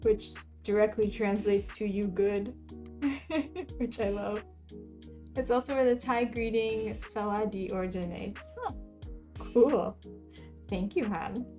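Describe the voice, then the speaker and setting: A woman from Palestine streaming while she cross-stitches, chatting casually with viewers, reading chat aloud and laughing softly. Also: mid-range voice, takes it slowly, pauses often, faint music behind. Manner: laid-back, chatty, frequent soft laughs, reads chat aloud. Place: home, lives in Taiwan.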